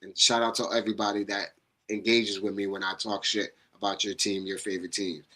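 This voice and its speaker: Young dude on a sports podcast, bright forceful voice, low-ish, talks trash and swears a lot. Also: male voice, level tone, brisk, low-quality recording. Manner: blunt, profane trash talk. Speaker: podcast co-host. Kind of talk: casual sports chat.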